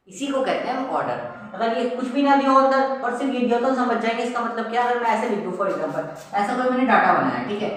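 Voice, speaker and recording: A man's voice: very high-pitched, recorded from a distance. A man teaching maths, explaining step by step and asking his students questions that he then answers himself. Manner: asks the class questions and answers them himself, repeats "okay" and "simple thing". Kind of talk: explaining a whiteboard lesson. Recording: very echoey room, voice from off the mic.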